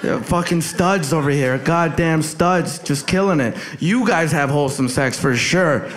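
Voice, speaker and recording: A young Salvadoran stand-up comic works the crowd in a brash set on a club stage, handheld mic in hand. His voice is fairly high and a bit bright, with a measured pace. The recording is echoey, with crowd noise from the club.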